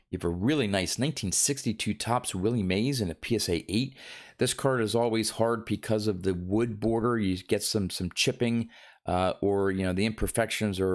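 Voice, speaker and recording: A man presenting a top ten countdown in a casual, unscripted way, thinking aloud hesitantly as he comments. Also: on the low side.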